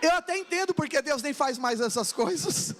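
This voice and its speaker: A man with a Brazilian Portuguese accent, a pastor telling stories in an animated, jokey Pentecostal revival sermon. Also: very high voice, normal speed, slight background noise. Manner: animated storytelling, jokey asides, exclamatory. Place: large church hall. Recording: reverberant church hall.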